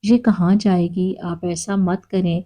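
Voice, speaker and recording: A young man pleading to his father in a storybook reading, as a woman narrator voices him. the sound is dark and mellow, a bit low. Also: level tone, natural voice.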